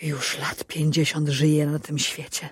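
A woman voicing a pompous sultan of about fifty who speaks slowly and grandly. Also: deep voice, flat delivery, breathy edge, no echo, clean studio sound, exaggerated voice. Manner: slow, drawn-out, stately.

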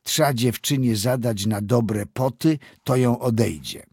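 A man's voice: medium pitch, slow pace, gravelly, darkish tone, slightly rough, no echo, clean studio sound, exaggerated voice. A man voicing a shrewd, bossy old village healer woman who gives orders matter-of-factly, in a storybook reading. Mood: commanding. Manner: commanding, matter-of-fact.

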